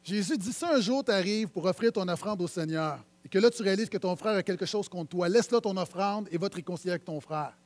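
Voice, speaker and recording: A male pastor with a Quebec French accent preaches a sermon to his church. His voice sits high. He moves from loud, emphatic proclamation to low, confiding asides. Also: fast, few pauses.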